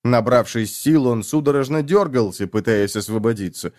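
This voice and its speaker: A man narrating an audiobook chapter with steady, expressive storytelling. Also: medium pitch, normal speed, no echo, studio quality. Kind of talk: audiobook reading.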